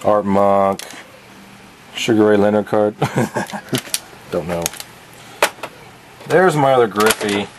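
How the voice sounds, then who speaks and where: A young man with a lowish voice talks offhandedly, listing items in a casual show-and-tell. He is recorded on a handheld camera in a cluttered basement room, with faint background noise under his voice. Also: slow pace, long pauses. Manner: offhand, rattling off items with fillers. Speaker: collector showing his collection.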